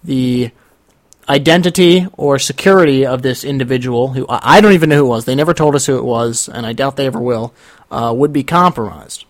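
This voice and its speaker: A man's voice: medium pitch, brisk. Rambling young man telling a story. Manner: rambling, self-interrupting storyteller. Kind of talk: casual chat.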